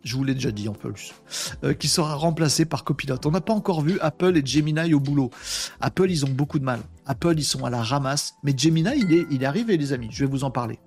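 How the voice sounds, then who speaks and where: A fairly high-voiced man hosting a live stream from his desk, talking in a loose, slangy way. He keeps turning to his viewers and answering their chat with quick energy. Faint music plays underneath. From France. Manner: slangy, animated, addresses chat viewers directly. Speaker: live webinar host. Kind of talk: casual live-stream talk.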